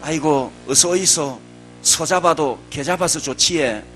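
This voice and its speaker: A man's voice: fairly high pitch, unhurried, fairly bright tone, soft background music. A male pastor voicing a plain-spoken widowed countrywoman with a Gyeongsang dialect, homely and blunt, in a sermon story. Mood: welcoming.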